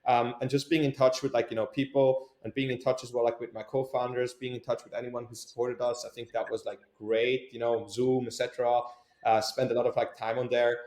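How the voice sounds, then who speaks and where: This young entrepreneur from Switzerland talks fairly quickly in a level, medium-pitched, slightly mellow voice. He is an interview guest answering questions hesitantly, with many fillers and restarts, and the recording has an echo.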